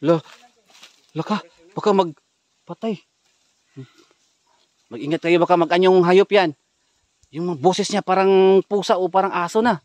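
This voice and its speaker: A man's voice: high voice, unhurried, long pauses, a little mellow, no echo. A man on a ghost-hunting vlog, urgently giving tense commands to his companions outdoors in a forest. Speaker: ghost hunter.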